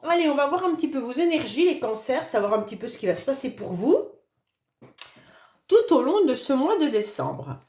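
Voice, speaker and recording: Hoarse woman tarot reader, high voice, gentle reassuring delivery, echoey room. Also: big pitch swings, a little fast. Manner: gentle, reassuring, fond of "d'accord?" and "hein". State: hoarse voice after illness, occasional cough. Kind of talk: monthly astrology reading for a sign.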